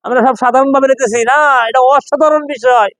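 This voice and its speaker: Male Quran teacher, very high voice, dry close sound, slow chanted letter drills and rhetorical questions. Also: fairly bright tone, dry recording, low-quality recording. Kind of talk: classroom pronunciation lesson.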